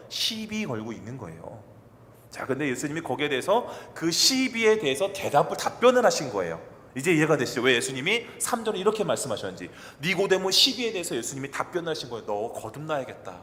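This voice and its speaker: A man's voice: on the high side, quick pace. A male pastor preaching a sermon to his congregation, acting out dialogue and putting questions to the listeners. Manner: lively, acts out quoted dialogue, asks the congregation questions. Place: church sanctuary. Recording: long hall reverb, faint ambient noise.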